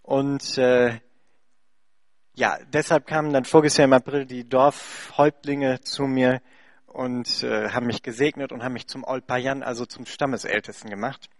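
A man's voice: medium pitch, steady tone, moderate pace, dry recording, studio quality. A German man who heads a charity, interpreting for a guest and then telling a congregation a story, chatty and full of fillers. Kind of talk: speaking to a church congregation.

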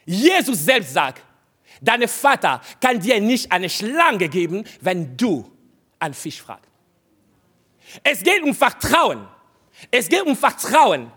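A man's voice: high-pitched, huge pitch swings, slow pace, pauses often, pushed and bright, husky. A man preaching a sermon, speaking straight to his listeners and hammering home short, repeated exhortations. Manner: addresses listeners directly.

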